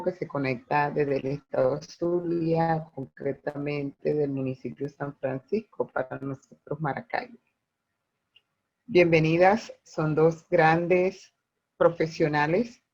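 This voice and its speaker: A woman's voice: deep voice, a little mellow, highs cut off. A woman host, formally welcoming the speakers to an online talk over a video call. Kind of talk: welcoming introduction.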